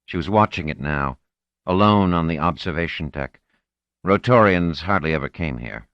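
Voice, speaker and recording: A man with a deep voice narrates a novel in an expressive, storytelling way. His pitch moves widely from line to line. The recording is dry and close but dull and lo-fi. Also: normal speed, no room sound. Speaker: audiobook narrator. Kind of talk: scripted audiobook narration.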